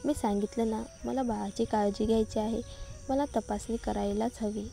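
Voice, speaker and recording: Woman reader doing a hurt, pleading young student; dark, mellow tone. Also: a little high, steady tone, moderate pace, creaky. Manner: pleading, sorrowful.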